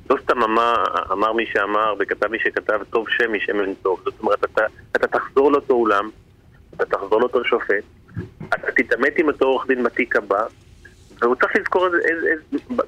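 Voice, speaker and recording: A man appearing as a guest lawyer on a radio show, speaking in a measured, reflective way. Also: medium pitch, fairly bright tone, slightly rough, lo-fi sound. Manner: measured, reflective, quotes sayings. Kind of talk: radio interview answer.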